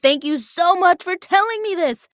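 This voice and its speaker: A woman voicing an eager, show-offy young male lion who talks in a bubbly, excited way. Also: extremely high pitch, moderate pace, no room sound, studio quality, voice pushed up. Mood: excited grateful.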